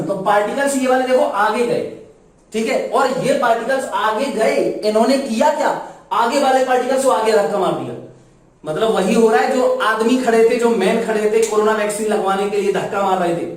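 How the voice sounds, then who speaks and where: A man teaching a physics lecture, often asking the class check questions and repeating key terms for the students to echo back. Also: very high voice. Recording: very echoey room, voice far from mic.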